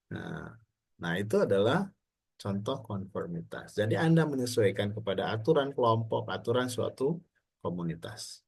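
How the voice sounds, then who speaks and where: Guy lecturing a class, chatty, keeps throwing questions at students. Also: mid-range voice. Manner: conversational, asks students rhetorical questions; frequent Indonesian fillers and restarts. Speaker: university lecturer.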